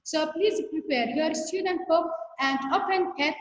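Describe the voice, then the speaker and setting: A woman's voice: very high voice, measured pace. A woman teaching an English grammar lesson, explaining patiently and often asking "okay?" to check understanding. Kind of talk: recorded online grammar lesson. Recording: echoey room, long reverb, faint noise.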